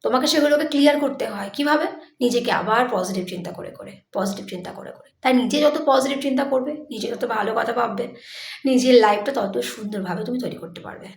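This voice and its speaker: A woman's voice: on the high side, brisk, gravelly, roomy sound. A woman giving a motivational talk, speaking directly to the listener in an earnest, coaxing way.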